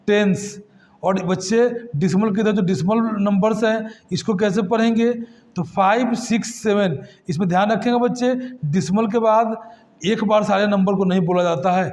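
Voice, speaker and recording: Male math tutor, high voice, patient question-and-answer classroom delivery. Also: darkish tone. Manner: addresses students as kids, asks and answers his own questions.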